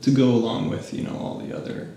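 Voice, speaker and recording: Here the same late-thirties Japanese photographer talks at a quick pace with a medium pitch, offering hesitant, trailing replies in a casual interview. Gravelly fry colors his voice, while the distant mic picks up a large reverberant room and constant background hiss.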